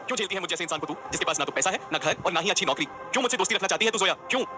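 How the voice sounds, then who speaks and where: A man's voice: high voice, lively intonation, racing, music in the background. A man voicing an earnest troubled young man. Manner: earnest, emotional, urgent. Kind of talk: audio drama storytelling.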